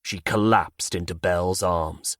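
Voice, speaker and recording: Male audiobook narrator, first-person fantasy, measured and low, dry studio sound. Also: steady tone, fairly bright tone, no echo.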